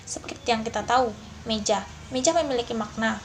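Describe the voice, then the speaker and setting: A young woman, a university student, giving a class presentation and explaining example sentences, pausing often with fillers. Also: fairly high pitch, a little hiss or hum.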